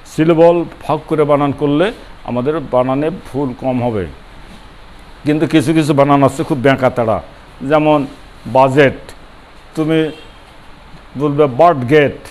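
Older guy lecturing a class, kinda high voice, keeps repeating words and breaking them into syllables. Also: measured pace, pauses often, darkish tone, slight background noise. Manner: asks students questions and answers them himself. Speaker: former college principal teaching English grammar.

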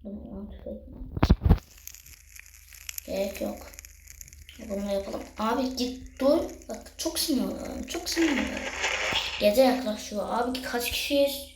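A young woman giving chatty, excitable commentary while playing a game and talking to her viewers. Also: medium pitch. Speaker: gaming youtuber. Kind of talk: casual gameplay commentary. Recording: echoey room with background noise.

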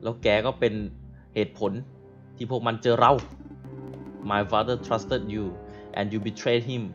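A man from Thailand on a live game stream, reading dialogue slowly and deliberately, then translating it with polite particles. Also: medium pitch, level tone. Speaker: gaming streamer. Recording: dull lo-fi stream audio. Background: game music.

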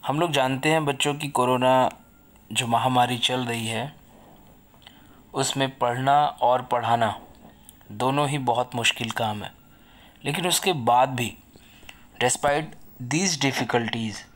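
Indian-accented male teacher for a recorded kids' lesson, very unhurried and patient, mid-pitched. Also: a bit bright. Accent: Indian English. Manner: slow, patient, explains each point in Hindi and English. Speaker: school English teacher. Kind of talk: recorded online lesson for children.

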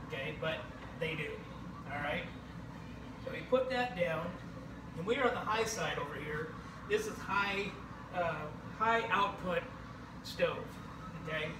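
A man in his forties with a high-pitched voice rambles and jokes through a home cooking demonstration, tagging "okay?" onto his lines. He is recorded from across an echoing kitchen on a distant camera mic. A steady hiss of noise sits under his voice. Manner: jokey, rambling, keeps saying okay. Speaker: home cooking show host. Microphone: camera across the room.

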